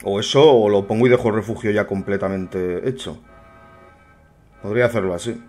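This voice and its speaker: A man's voice: lowish voice, brisk, a little mellow, soft background music. A young man muttering wry commentary to himself while playing a game. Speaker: gameplay streamer. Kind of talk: casual gameplay commentary.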